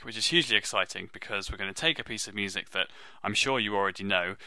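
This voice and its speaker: In an online music theory lesson, a man with a low, deep voice and a strikingly bright, crisp tone explains each step while drawing. His manner is friendly, modest and self-deprecating, his explanations steady. The recording is close and dry, with no room sound or echo.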